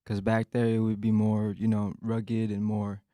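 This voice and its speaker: A man's voice: on the low side, completely flat delivery, normal speed, dark tone, no room sound, studio quality. A man from the Philippines, a guest artist, talking in an easygoing way full of fillers. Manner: easygoing, many "you know" fillers. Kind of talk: casual conversation.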